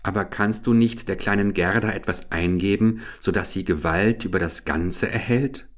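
A man reading the lines of a loyal reindeer in a fairy tale, pleading plainly in his own low voice. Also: normal speed, natural voice.

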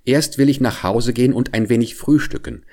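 A man's voice: mid-range voice, a little fast, a little mellow, pitched above the performer's own voice, close to an everyday voice. A man voicing a small, scheming male hedgehog in a storybook reading, confident and bossy. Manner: cunning, confident, bossy toward his wife. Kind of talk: storybook character voice.

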